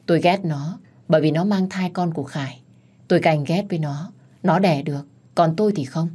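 A woman's voice: deep voice, a little fast, warm tone, breathy edge. Woman telling a first-person drama. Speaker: narrator.

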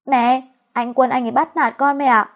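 A woman's voice: fairly high pitch, fairly quick, natural voice. A woman reading the part of a young wife who sulks and complains out of jealousy. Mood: sulky. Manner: sulky, whiny.

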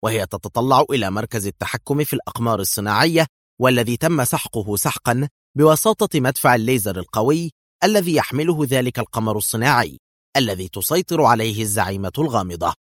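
Male narrator, steady expressive reading, mid pitch, dry close sound. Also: fast, dry recording. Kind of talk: dramatic audiobook narration.

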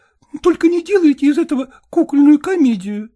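A male storyteller voicing a lively, frank young woman who firmly sets her terms, in a brisk, coaxing, insistent manner. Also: extremely high pitch, pitched above the performer's own voice.

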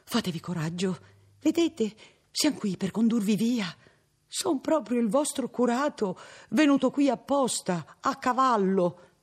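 A man's voice: very high voice, expressive, a little slow, breathy edge, voice pushed up, full character voice. A man reading an audiobook, voicing a timid old village priest who reassures in a flustered rush.

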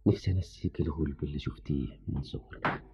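Humble Egyptian worker, deep husky voice, quick and gentle; old radio drama. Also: male voice, heavily acted. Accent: Egyptian Arabic. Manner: soft, reassuring, devoted. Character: humble young working man, devoted and gentle. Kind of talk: 1970s radio drama acting. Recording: dull old radio recording with faint music.

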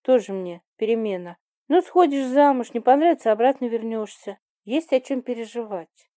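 A woman's voice: a little high, expressive, normal speed, warm tone, dry recording, clean studio sound, natural voice. A woman reading the part of a flippant young woman who teases her older sister in an offhand, mocking way. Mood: teasing.

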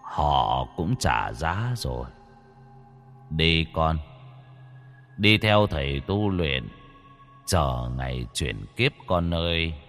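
A man voicing a gentle, merciful old Buddhist monk who murmurs softly and slowly. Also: low voice, sing-song, soft background music, full character voice. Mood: tender. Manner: soft, slow, murmuring.

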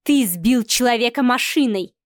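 Scornful middle-aged mother, cold and cutting, read by a woman narrator; slightly high voice, dry close sound. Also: animated, dry recording, natural voice. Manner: sarcastic, slow and cutting. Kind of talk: audiobook character reading.

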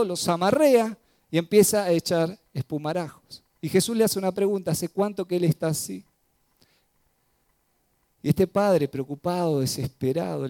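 Un pastor con acento predica un sermón narrativo y dramático, alternando entre pasajes fuertes y suaves y frenando para enfatizar. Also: male voice, sits high, no room sound. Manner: dramatic storytelling, swings loud and soft, slows for emphasis. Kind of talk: sermon.

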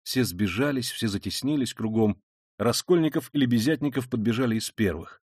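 A man narrating an audiobook of a classic novel in a measured storytelling manner. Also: medium pitch, darkish tone, husky, no echo, studio quality.

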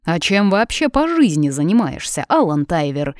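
Female narrator as blustering dad on the phone, loud and pushy, dry close read, audiobook. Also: on the low side, very animated, normal speed, dry recording. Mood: gruff. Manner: blustering, protective, interrogating. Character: worried gruff middle-aged father on the phone.

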